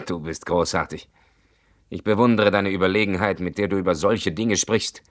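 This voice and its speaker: A man's voice: deep voice, moderate pace, natural voice. An actor in a radio play voicing a wounded, sarcastic husband who has been betrayed by his best friend. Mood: mocking.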